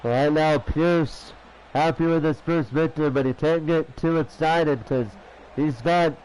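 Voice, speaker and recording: A male wrestling commentator with a high-set voice gives play-by-play at an unhurried pace. He speaks haltingly, restarting phrases, over a noisy background. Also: steady tone, a little mellow. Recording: clear background noise.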